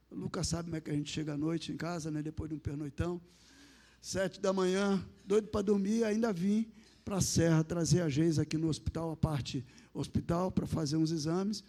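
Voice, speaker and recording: A Brazilian man preaches his testimony, animated like a storyteller, and voices each person in the story himself. His voice sits high but sounds dark and mellow, with a husky edge. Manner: lively storyteller acting out dialogue.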